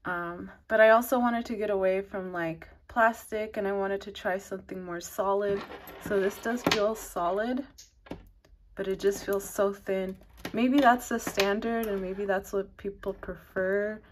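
A woman's voice: mid-range voice, fairly even intonation, unhurried, background noise. A woman giving a casual, loosely organized knitting product review, rambling and dropping in lots of "like". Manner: self-described advanced beginner knitter. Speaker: knitting channel host reviewing needles.

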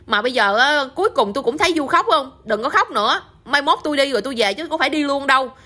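Gentle young man consoling a friend, read by a woman storyteller, bright and quick, southern vietnamese. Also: high voice, lively intonation. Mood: soothing. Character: young man leaving to study abroad, gentle.

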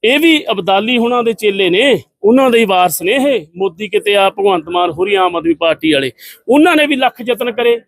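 Middle-aged man, political speaker; high voice, close and dry sound, scornful and combative. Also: expressive, fairly quick, gravelly, dry recording. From Punjab, India. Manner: combative, scornful, rhetorical questions. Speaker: politician giving a press statement. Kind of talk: impassioned political statement to press.

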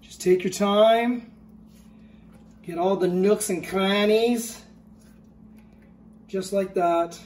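This middle-aged cooking-show host speaks extremely slowly with long pauses, his high voice steady and darkish in tone. He walks through a recipe step by step in an easygoing way, frequently asking "okay?" A far-off camera mic captures him off-mic in an echoey kitchen, with a little hiss or hum.

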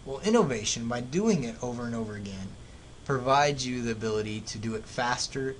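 A man's voice: lively intonation, fairly quick. American male professor lecturing, noisy recording. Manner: explanatory, professor-like lecturing with everyday examples. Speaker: economics teacher. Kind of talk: classroom lecture narrated over slides. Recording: clear background noise, low rumble.

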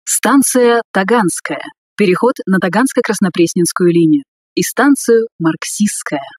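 A woman reading scripted subway announcements in a formal, measured way. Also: mid-range voice, darkish tone, slightly rough, dry recording, clean studio sound.

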